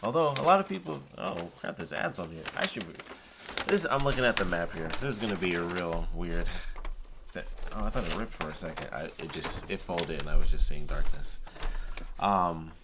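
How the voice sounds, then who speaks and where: A man who sounds high, rambling casually in a dazed, drifting stoner manner as he vlogs and trails off. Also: expressive, moderate pace, creaky, noisy background. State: high, intoxicated. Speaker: vlogger. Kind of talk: rambling casual unboxing vlog.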